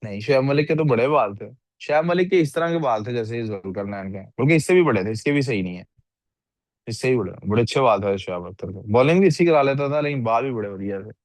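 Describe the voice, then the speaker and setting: A man's voice: mid-range voice, lively intonation, fast talker, a little mellow, no echo. A male teacher giving a classroom lecture and often asking his students questions. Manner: asks the class frequent questions, scolds sleepy students.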